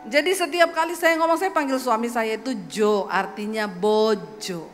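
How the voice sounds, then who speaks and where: A woman pastor from Sulawesi with a Sulawesi accent, giving a lively testimony sermon full of acted voices. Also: fairly high pitch, normal speed, big-room sound, faint music behind. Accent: Sulawesi Indonesian. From Sulawesi, Indonesia. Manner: lively storytelling with shifting voices.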